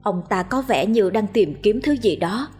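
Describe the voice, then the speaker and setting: A woman narrating a horror story in a steady, suspenseful reading. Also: mid-range voice, a little slow, slightly rough, soft background music.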